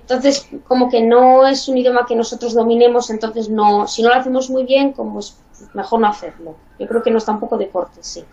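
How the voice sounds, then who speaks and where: A woman's voice: a little high, fairly even intonation, fairly quick, mellow. A woman from Spain with a Spanish accent, a guest chatting in an interview and thinking aloud with "mm" and "pues". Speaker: guest, bilingual parent. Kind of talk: casual interview. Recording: distant, dull lo-fi mic.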